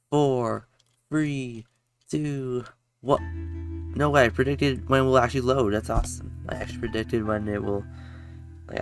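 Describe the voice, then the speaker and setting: Gravelly young man narrating a game. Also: mid-range voice. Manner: rambling, self-correcting, chatty asides. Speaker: game streamer. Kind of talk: reading game text aloud with casual commentary.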